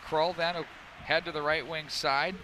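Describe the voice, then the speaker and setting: A man doing live hockey play-by-play, making rapid calls that rise sharply on scoring chances. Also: fairly high pitch, steady tone, noisy background. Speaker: play-by-play announcer. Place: outdoor rink broadcast.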